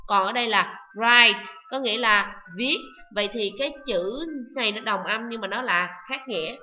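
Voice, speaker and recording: A woman teaching an online English lesson, loudly repeating words and often checking whether the students follow. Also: fairly high pitch, poor audio. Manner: drills words loudly with repetition; asks students frequent checking questions.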